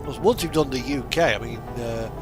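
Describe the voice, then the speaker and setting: Playing a truck driving sim, a British man chats in loose, slightly hesitant asides. He has a medium-pitched voice at a normal speed, with music and vehicle engines in the background.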